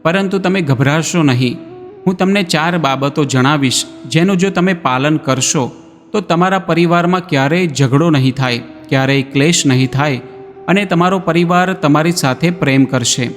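A calm saint giving gentle, reassuring counsel, as a male narrator puts him on in a storybook tale. The voice sits slightly high, and long reverb hangs in the air with music behind it. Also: normal speed, natural voice.

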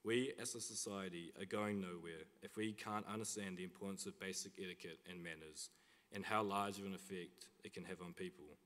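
A man's voice: low voice, steady tone, fairly quick, fairly bright tone. A young male student giving an earnest prepared address from a lectern in a school chapel, reading from notes with small restarts. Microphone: lectern mic. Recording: long hall reverb.

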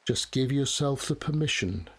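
A man narrating a guided relaxation meditation in a soft, soothing, measured manner with long pauses. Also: medium pitch, slightly rough. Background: steady rain.

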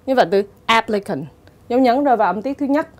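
A woman's voice: fairly high pitch, rapid-fire, dark tone. A woman teacher going through English exam answers step by step, in a methodical way. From Vietnam. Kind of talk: exam answer walkthrough lesson.

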